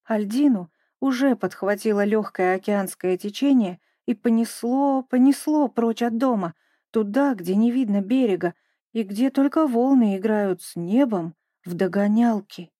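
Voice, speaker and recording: A woman narrating a children's story in a gentle, even storytelling manner. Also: on the high side, measured pace, no echo, studio quality.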